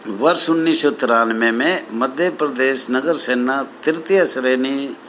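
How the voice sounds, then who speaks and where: Speaking as their leader, a man addresses association members in formal official phrasing, deliberate and repetitive. His voice is medium-pitched with a fairly bright tone, and there's a little hiss or hum.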